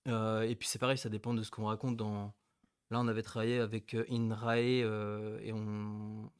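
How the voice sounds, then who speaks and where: A man with a somewhat low voice explains things in a hesitant way, pausing often and laughing easily. The sound is dry, with no room echo. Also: level tone, clear, resonant tone. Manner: hesitant, full of fillers and restarts, laughs easily. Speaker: co-host of a company webinar. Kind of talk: casual webinar chat.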